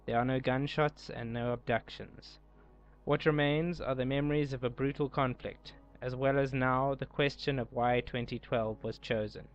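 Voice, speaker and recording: A man calmly narrating a documentary voice-over. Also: mid-range voice, normal speed. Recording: dull lo-fi voice-over with faint music.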